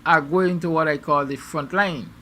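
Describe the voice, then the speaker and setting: Guyanese man, somewhat high voice, sarcastic opinion musing, faint hiss. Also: fairly even intonation, normal speed, sharp tone. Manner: musing, rhetorical questions, sarcastic. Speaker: morning show host. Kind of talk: opinion monologue to viewers.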